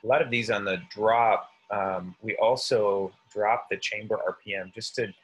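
A man's voice: lowish voice, steady tone, normal speed, fairly bright tone, breathy edge, low-quality recording. A man teaching coffee roasting in a casual live demonstration, thinking aloud and reading numbers off as he works. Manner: thinking aloud, talks through numbers while working.

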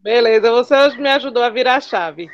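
A woman's voice: fairly high pitch, a little fast, no echo. An earnest Brazilian woman speaks over a dull, dry call connection. She sounds grateful and sincere as she shares her thoughts. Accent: Brazilian Portuguese. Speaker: participant.

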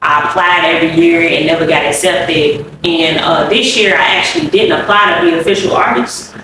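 A woman's voice: on the low side, a little fast. A woman rapper from Louisville talking casually in an interview, laid-back and saying "you know" a lot. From Louisville, Kentucky. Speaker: rapper guest. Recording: echoey room from a distance with background noise.

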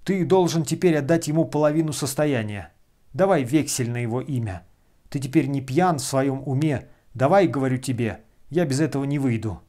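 A man voicing a brash, abusive freeloader who shouts and hurls insults. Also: medium pitch, moderate pace, lightly acted.

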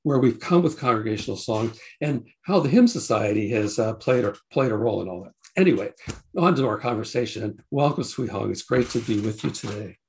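A man's voice: medium pitch, expressive, fairly quick, a little mellow, a little hiss or hum. An older man hosting an interview over a video call, speaking enthusiastically with frequent fillers and restarts, from a home study.

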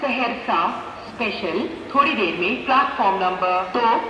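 A woman giving an automated train announcement over a station loudspeaker, in slow, measured phrases. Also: fairly high pitch, expressive, muffled recording. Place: railway station platform. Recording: echoey loudspeaker in a large station hall, heard from far off, with noise.

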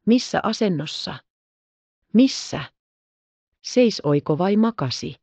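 Anxious eager young noblewoman, read by a woman narrator, warm low voice, dry dull audiobook sound. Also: animated, no echo. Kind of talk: audiobook reading.

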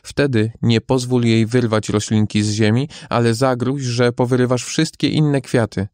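A man's voice: mid-range voice, steady tone, moderate pace, a little mellow, dry recording, studio quality, natural voice. A man voicing an old woman who urgently instructs a mother, in a slightly raised voice. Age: older.

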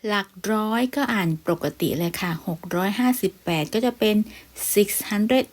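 A woman with a Thai accent teaching a step-by-step English lesson, saying numbers slowly and carefully for repetition, with polite, gentle phrasing. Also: medium pitch. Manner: polite with frequent particles.

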